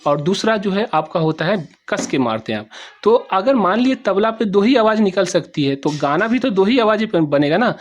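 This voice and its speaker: A man's voice: sits high, very animated, moderate pace. A man with a Bihari accent, teaching a class in a repetitive style and often checking that his students understand. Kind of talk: classroom explanation.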